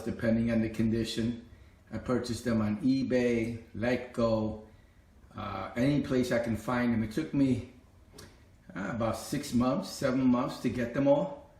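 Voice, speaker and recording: With a mid-range, darkish voice, a middle-aged man gives a conversational home walkthrough for his tech vlog, plain and repetitive in style. The room he records in is echoey.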